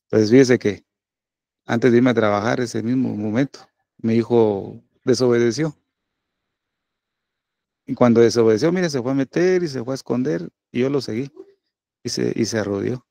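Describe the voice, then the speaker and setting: A man's voice: medium pitch, normal speed, creaky, long pauses, warm tone, no echo. A middle-aged man, a pastor preaching a sermon in a conversational way, often tagging his points with little questions to the listeners.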